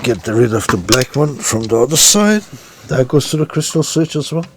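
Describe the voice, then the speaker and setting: A man gives an informal, unscripted step-by-step repair demonstration, speaking hesitantly as he works with his hands. His mid-range voice is very animated and moves at a moderate pace. Background noise is clearly audible, along with handling clicks.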